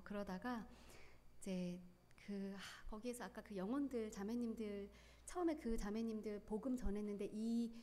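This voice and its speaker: A woman's voice: on the high side, mellow. A woman in her forties with a Gyeongsang accent, giving an earnest, emotional personal testimony at church. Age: 40s. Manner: earnest, tearful, quick bursts of feeling.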